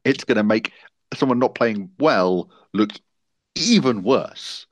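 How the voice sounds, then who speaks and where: A man co-hosting a casual sports podcast, gleeful and excitable, talking fast and joking. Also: lowish voice, dry recording. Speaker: podcast co-host, Seahawks fan.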